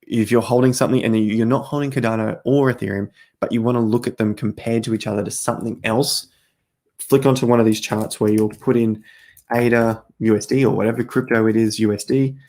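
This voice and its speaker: Gravelly-voiced man losing his voice. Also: lowish voice, fairly even intonation, fairly quick, darkish tone. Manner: chatty, talks straight to viewers while walking through charts. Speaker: crypto market host. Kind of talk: casual livestream chart commentary.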